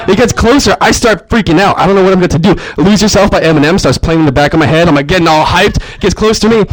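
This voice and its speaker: A man's voice: high voice, fast, dry recording, poor audio. A young man performing a stand-up comedy set on a club stage, telling stories and acting out his own panicky voice. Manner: animated storytelling, acts out his own panicked voice.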